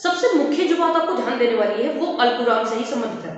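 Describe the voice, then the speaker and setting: A woman teaching a grammar lesson who keeps calling her viewers "friends" and explains each point slowly with examples. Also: on the high side, lively intonation. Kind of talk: classroom-style grammar lesson. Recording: echoey, dull lo-fi room recording.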